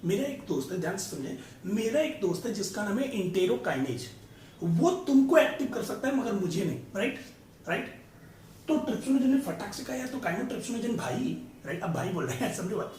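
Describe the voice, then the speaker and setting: A man's voice: sits high, very animated, moderate pace, darkish tone, recorded from a distance. A man teaching biology in a casual classroom style, asking checking questions and telling playful analogies, recorded in an echoey room away from the mic with faint noise. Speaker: biology tutor. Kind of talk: casual classroom explanation with stories.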